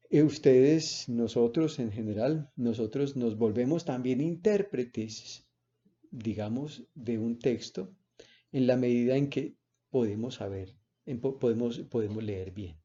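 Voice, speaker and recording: Male lecturer, very dark warm voice, seminar talk full of "eh" and "¿cierto?", slightly dull recording. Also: mid-range voice. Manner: explains with spoken examples and frequent "¿cierto?" and "eh".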